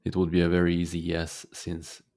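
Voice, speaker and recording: Speaking as a meditation teacher, a deep-voiced man guides listeners through a session. His delivery is calm and unhurried, broken by frequent pauses.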